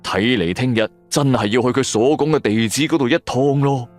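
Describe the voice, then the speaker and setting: Speaking at normal speed in a mid-range voice, a Cantonese-accented man tells a supernatural serial from his own first-person perspective. The delivery is colloquial and dramatic, with background music laid under his voice.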